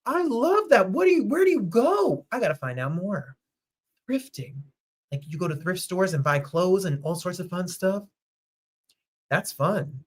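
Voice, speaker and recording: A man's voice: high voice, big pitch swings, measured pace. Upbeat Midwestern man hosting a livestream. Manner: upbeat, chatty, greets viewers by name. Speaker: host. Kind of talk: casual livestream chat. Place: home.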